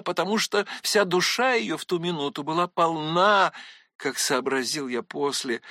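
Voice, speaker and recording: Guy reading a novel aloud, first person, earnest, high bright voice, dry close sound. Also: no room sound. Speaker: audiobook narrator. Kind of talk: first-person literary narration.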